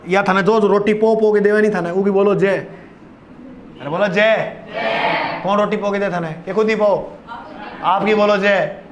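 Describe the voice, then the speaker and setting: Loud playful male teacher leading chants. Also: high-pitched, steady tone, normal speed, pauses often, background noise. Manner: loud, playful, chants names for the class to repeat. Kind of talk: classroom lecture with call-and-response drilling.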